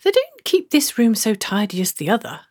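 A woman reading as a curious little girl in a storybook, hushed and full of wonder. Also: on the high side, wildly swooping pitch, normal speed, pitched above the performer's own voice.

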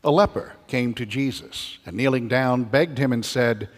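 A man serving as deacon who reads the gospel and preaches a homily in a measured way, his voice carrying a cathedral echo. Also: mid-range voice. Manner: measured, stopping to restart phrases when preaching. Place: large church. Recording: long cathedral reverb.

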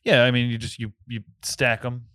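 Male podcast co-host: relaxed, self-deprecating conversational delivery, average pitch, dry sound. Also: moderate pace, dry recording. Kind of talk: casual chat.

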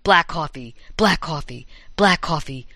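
A woman's voice: low voice, lively intonation, unhurried, bright, forceful tone, dry recording, studio quality, full character voice. A woman voicing the vengeful ghost of a murdered sister in an eerie whisper, in a told campfire story.

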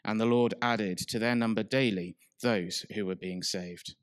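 A man's voice: lowish voice, fairly even intonation, unhurried, clean tone, no echo, studio quality. A man reading a Bible passage aloud to a church congregation. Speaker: scripture reader at church service.

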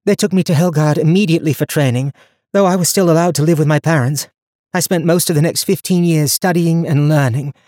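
A man's voice: on the high side, a little fast, a little mellow, no echo, studio quality, voice pushed up, close to an everyday voice. A man reading an audiobook, voicing a determined, capable young woman traveler who talks earnestly and rambles when tired.

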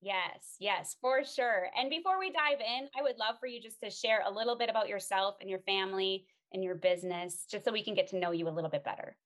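Woman, podcast host, upbeat and affirming, casual interview chat, mid-pitched voice. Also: fairly quick, few pauses, fairly bright tone.

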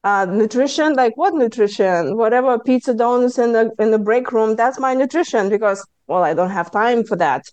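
Her voice sits on the high side, smooth and moderately paced with few pauses, as this Lithuanian-accented stress management coach relates her own experiences on a podcast. She's earnest and candid, livening things up by quoting herself. The sound is lo-fi with no room sound.

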